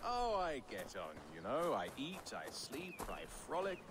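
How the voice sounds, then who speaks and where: An actor playing a jolly, mystical talking elk in a video game, playful and teasing in a theatrical way. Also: male voice, a little high, wildly swooping pitch, a little slow, background noise. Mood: playful, whimsical. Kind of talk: dramatic video game acting.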